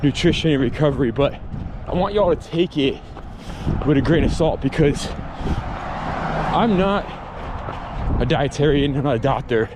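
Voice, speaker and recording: A man's voice: fairly high pitch, animated, normal speed, pauses often. Man vlogging while running, noisy outdoors. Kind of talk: casual vlog chat to viewers. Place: outdoors on a road run. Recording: clear wind and outdoor traffic noise.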